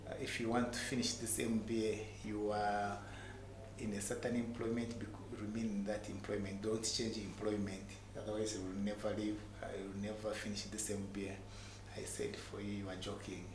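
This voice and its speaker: A man with a Ugandan accent speaks in a low, fairly flat voice, telling motivational stories about himself. He pauses often and repeats words to drive them home. The recording is a noisy, echoey room. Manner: halting, repeats words for emphasis. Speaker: entrepreneur guest telling his story. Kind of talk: motivational personal storytelling in an interview. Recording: echoey room with clear background noise.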